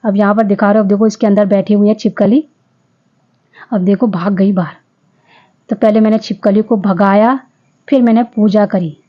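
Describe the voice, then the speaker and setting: Talking directly to her viewers, a vlogger in her fifties gives her home vlog a chatty, homely voice-over. She speaks at normal speed with a steady, medium-pitched tone, pausing often, and the recording's highs are cut off.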